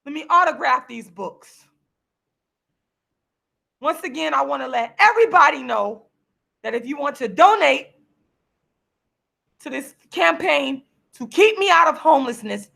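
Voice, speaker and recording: Her voice high but raspy with gravel and fry, a forties-aged vlogger and activist sits at home signing books and rails at the camera. The delivery is expressive and moderately paced with frequent pauses, bright and sharp in tone. Heated and preachy, she keeps hammering identical points and occasionally shouts.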